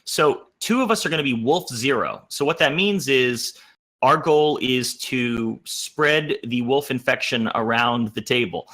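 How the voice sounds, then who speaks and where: Young male game designer, bright clear voice, halting explainer. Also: mid-range voice. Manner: hesitant, with many restarts and ums. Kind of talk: explaining game rules to players.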